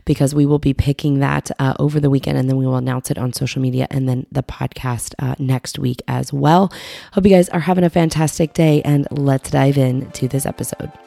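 A woman hosting a podcast in a casual way, with a raspy, hoarse voice that is nearly gone. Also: a bass voice, flat delivery, fairly quick, warm tone, dry recording, clean studio sound. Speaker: podcast host.

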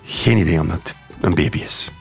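A man with a Flemish accent hosting a radio talk show, playful and quick-witted. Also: low voice, creaky, husky, faint music behind. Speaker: radio host. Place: radio studio.

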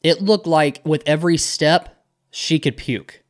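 Halting man in casual podcast chat. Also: fairly high pitch. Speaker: podcast co-host.

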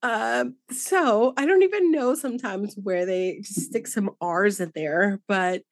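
A woman's voice: mid-range voice, unhurried, dry recording, studio quality. A woman co-hosting a true crime podcast, chatting casually and rambling with fillers and laughs. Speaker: podcast co-host. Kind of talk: casual chat.

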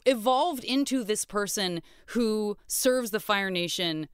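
A woman hosting a casual recap chat in an expressive, emphatic way. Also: medium pitch, takes it slowly, clean tone, no echo, clean studio sound. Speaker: podcast host.

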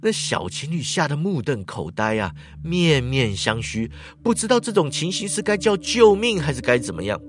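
A man narrating a dramatic story, lively, with drawn-out particles and spoken sound effects. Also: on the high side.

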